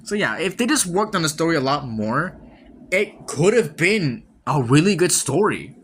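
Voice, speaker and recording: A man's voice: a little high, big pitch swings, moderate pace, a bit bright, slight background noise. A man hosting a solo podcast, reviewing a game in casual talk, rambling with many restarts, casual swearing and wry laughs. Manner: laughs wryly between points. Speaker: podcast host.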